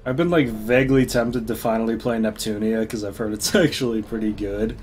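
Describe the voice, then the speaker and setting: A man's voice: on the low side, fairly even intonation, fairly quick, a little mellow, faint music behind. A man casually commenting while playing a game, rambling, laughing often and swearing now and then. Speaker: gaming streamer. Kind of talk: casual let's-play commentary.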